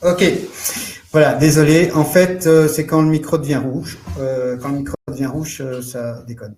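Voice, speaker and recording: A man presenting a live online training for parents, explaining in a loose, halting way full of fillers and restarts. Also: on the high side, fairly even intonation, a little mellow, recorded from a distance, slight background noise. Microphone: computer mic in a webinar. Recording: roomy echo.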